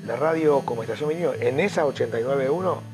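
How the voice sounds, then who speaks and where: A middle-aged man with a Rioplatense Spanish accent, chatting in an interview and reminiscing about his years in radio with lively storytelling. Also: medium pitch, fast talker, music in the background. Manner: storytelling, reminiscing, slips into old-radio announcer voices. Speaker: radio host guest. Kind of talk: casual interview chat.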